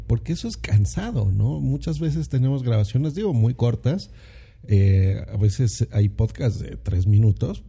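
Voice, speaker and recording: Male podcaster, chatty explainer, husky and gravelly, very dark tone, condenser mic at home. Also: mid-range voice. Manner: chatty, explanatory, frequent filler "eh" and "¿no?". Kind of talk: casual solo podcast talk. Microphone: condenser microphone.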